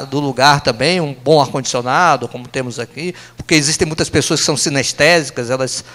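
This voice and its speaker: A company lunch talk is given by a Brazilian man whose voice is on the high side and a bit bright, with a Brazilian Portuguese accent. Before a live audience in an office meeting room, he talks conversationally, often adding "né?" and quick jokes in passing.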